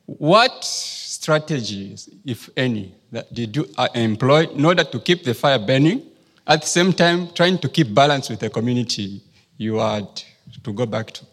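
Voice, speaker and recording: A man's voice: medium pitch, moderate pace, a bit bright. A formal, polite man from Zambia puts a question to the panel from the audience. His words ring out with a long reverb from the hall. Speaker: audience member asking a question.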